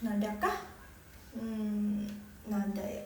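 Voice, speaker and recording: A woman's voice: medium pitch, level tone, takes it slowly, warm tone. A woman teaching Mandarin pronunciation in a live online lesson, chatty, repeating syllables and tones and correcting herself as she goes. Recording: echoey room with faint background noise.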